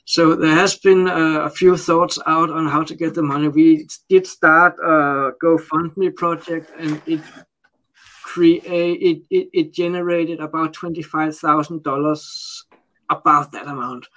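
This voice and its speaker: The audio is poor for this interview guest from Denmark, whose voice sits on the high side, a bit bright, with fairly even intonation. Speaking English as a second language with a Danish accent, he talks casually and unscripted, pausing haltingly to find words while translating.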